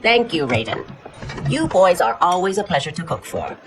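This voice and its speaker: Low-voiced motherly tavern keeper. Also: sing-song, moderate pace, noisy background. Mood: fond. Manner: firm, affectionately scolding. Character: stern, motherly older female tavern keeper and martial mentor. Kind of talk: video game cutscene acting.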